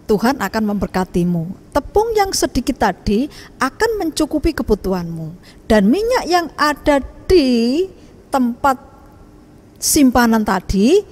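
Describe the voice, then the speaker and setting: A woman voicing a kind male prophet who speaks gently and reassuringly. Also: a little high, sing-song, a little slow, in a large hall, pitched above the performer's own voice. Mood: earnest.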